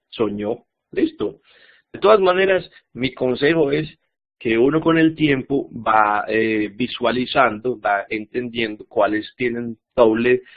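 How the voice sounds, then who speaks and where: A man teaching a grammar lesson slowly and patiently, repeating each example and checking that students follow. His voice comes through thin, phone-like audio. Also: mid-range voice. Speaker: English teacher.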